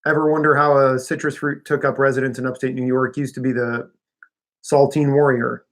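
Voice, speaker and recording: A man's voice: medium pitch, flat delivery, a little fast. A man co-hosting a live stream, chatting casually about baseball and often hedging his points. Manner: musing, hedging, says "I don't know" often.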